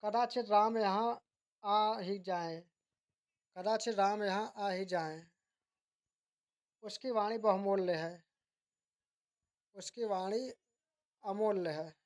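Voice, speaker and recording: A woman teacher working through a grammar drill at an even, measured pace. She reads each wrong sentence, then its corrected form, and now and then stops to fix a word mid-way. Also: mid-range voice.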